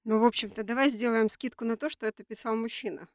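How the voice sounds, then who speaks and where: A woman's voice: a little high, steady tone, fast, a crowd in the background. A woman co-hosting a conversational podcast, sounding nasal with a stuffy nose from a cold. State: has a cold. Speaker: podcast co-host. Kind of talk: conversational podcast discussion with prepared facts.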